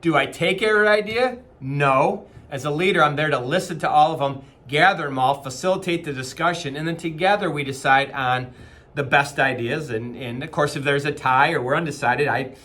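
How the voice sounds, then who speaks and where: A man in his forties who leads a company gives an earnest but casual motivational talk from a small office, full of fillers and restarts. His voice is a little high and sharp, and he speaks slightly fast, picked up by a webcam at desk distance.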